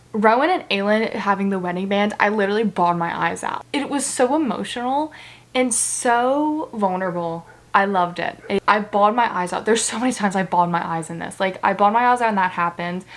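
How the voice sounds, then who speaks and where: A young woman vlogging about a book in a casual, gushing, emotional way, with plenty of fillers like "like". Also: mid-range voice. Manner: gushing and emotional, heavy use of "like". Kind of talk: casual book vlog chat.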